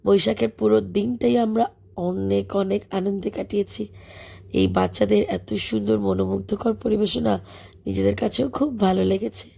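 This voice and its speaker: A Bangladeshi woman, a schoolteacher, talks through her vlog in a casual voice-over. Her voice is hoarse and broken down to a heavy gravel, and its tone is husky and dark. She rambles along with many fillers. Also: mid-range voice, moderate pace. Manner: chatty, warm about the children, frequent fillers. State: hoarse, voice gone from illness. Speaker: schoolteacher and vlogger. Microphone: voice-over recorded separately.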